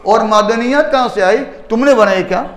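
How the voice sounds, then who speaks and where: A man giving a Friday sermon as a mufti in a mosque, driving points home with rhetorical questions and repeated phrases. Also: high-pitched. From India. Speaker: mufti preacher. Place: mosque hall. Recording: echoey mosque hall reverb.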